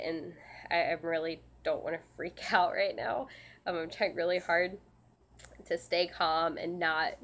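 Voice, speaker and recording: A woman with a fairly low-pitched voice, a service dog handler and channel host, runs a casual live Q&A stream. A sinus infection leaves her stuffed-up and scratchy-throated, and she speaks haltingly but earnestly, restarting often and saying um a lot.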